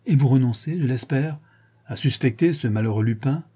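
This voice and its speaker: A man voicing a sardonic male police chief who mocks his inspector, in a husky, mellow voice. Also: medium pitch, normal speed, lightly acted. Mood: mocking. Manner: teasing, scoffing.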